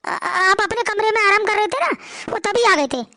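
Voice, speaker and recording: A woman's voice: extremely high pitch, moderate pace, pushed and bright, no echo, clean studio sound. A woman voicing a timid young daughter-in-law who stammers and hesitates. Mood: anxious.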